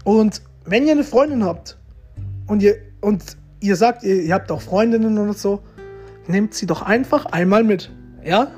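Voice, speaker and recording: This man's voice is high, expressive and unhurried, a little mellow with a breathy edge, while faint music plays behind. Speaking straight to his viewers, he gives relaxed relationship advice, repeating himself and adding "ja?" and "ne?" to his sentences.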